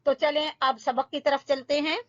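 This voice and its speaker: A woman's voice: high voice, flat delivery, a bit bright. A woman who teaches Quran reading to students, drilling letter sounds patiently and repeating each one. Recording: dull lo-fi home recording.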